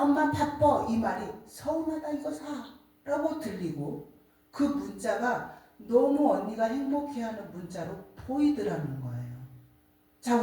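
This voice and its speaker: Middle-aged woman sharing a sermon testimony, lively expressive pitch, recorded from a distance in an echoing room. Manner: animated storytelling, acts out quoted voices. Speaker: church speaker giving a testimony. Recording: echoey room, distant mic.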